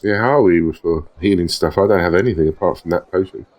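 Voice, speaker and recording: A man's voice: sits low, fast. A man playing a tabletop game, talking in casual chat.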